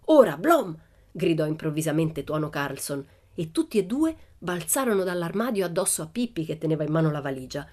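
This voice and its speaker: Expressive woman reading a storybook aloud. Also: low voice, fairly quick, hardly any pauses. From Italy. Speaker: audiobook reader. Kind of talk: scripted narration.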